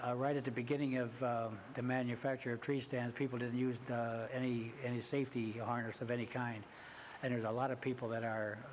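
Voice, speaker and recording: Halting male hunting instructor. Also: mid-range voice, flat delivery, slight background noise. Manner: halting, full of hesitations. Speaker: hunter education instructor. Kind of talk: interview answers. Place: community TV studio.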